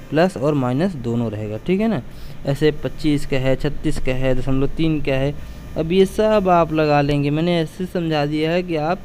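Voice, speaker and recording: Man, math teacher, patient and repetitive, fairly high voice, faint traffic noise behind. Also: a little mellow. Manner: patient, repetitive, addresses students as beta. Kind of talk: explaining math lesson to students.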